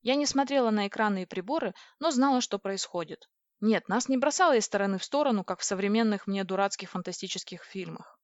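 A woman's voice: mid-range voice, quick pace, no room sound. Woman narrating a sci-fi audiobook, dry. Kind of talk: first-person audiobook narration. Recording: dull, dry audiobook recording.

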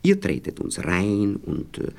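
Here the same smug, moralizing husband from a radio play, voiced by an actor with an Austrian accent, talks down to his young wife, pompously explaining and hesitating as he searches for words. The voice is on the low side and gravelly, moving a little slowly, its pitch swooping wildly in an exaggerated performance.

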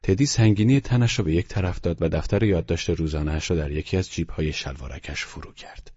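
A man narrating an audiobook in a calm, measured storytelling voice. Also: sits low, breathy edge, muffled recording. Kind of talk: scripted narration.

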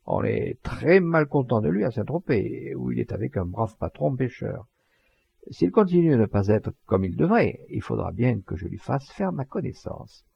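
Boastful rustic poacher read by a man, gravelly, husky, lively, dry lo-fi audiobook. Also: medium pitch, moderate pace, no echo, heavily acted. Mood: vexed. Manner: earthy, plain-spoken, emphatic. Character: blunt, boastful rustic male poacher-hunter.

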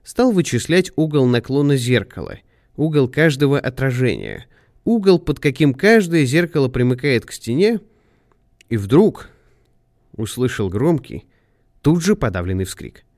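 Man, audiobook narration, lively pitch, dry close sound. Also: no echo. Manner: measured, expressive storytelling. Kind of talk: scripted narration.

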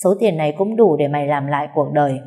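Curt rich son, blunt, commanding, lowish voice, woman doing him, audio story. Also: fast talker, mellow. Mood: cold.

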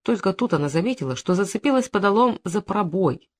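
Lively expressive woman narrator. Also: mid-range voice, a little fast. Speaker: audiobook narrator.

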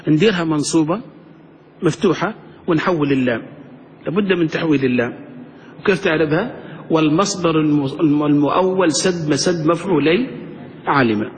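High-voiced sheikh teaching grammar. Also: male voice, brisk, pauses often, in a large hall, a little hiss or hum. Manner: quizzes students with questions, then answers them himself. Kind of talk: classroom lecture.

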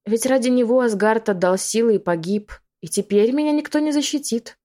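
A woman's voice: a little high, a little fast, mellow, voice pushed up, lightly acted. A woman voicing a haughty, scheming young witch who drawls scornful threats in a storybook reading.

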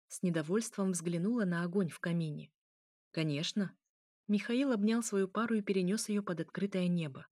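A woman narrating a fantasy romance audiobook in a measured, expressive reading. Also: on the low side, no room sound, studio quality. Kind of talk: scripted narration.

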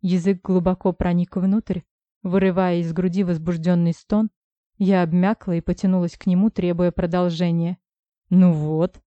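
A woman narrating a first-person story in an even, steady storytelling voice, in a dry, slightly dull recording. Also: on the low side, moderate pace, no echo. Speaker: audiobook narrator.

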